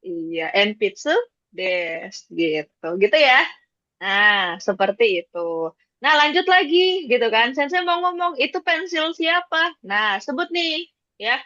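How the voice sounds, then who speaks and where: A woman's voice: mid-range voice, animated, takes it slowly, bright, forceful tone, dry recording. A woman teaching Japanese to a class, patient, repeating points and checking that students follow. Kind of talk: classroom lesson. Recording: dull lo-fi dry sound.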